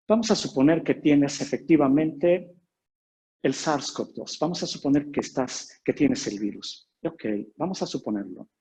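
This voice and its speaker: A man speaking as a therapist, giving a measured, explanatory spiritual talk that reads passages aloud and walks through client cases. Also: medium pitch, warm tone, breathy edge, poor audio. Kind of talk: spiritual talk with case examples.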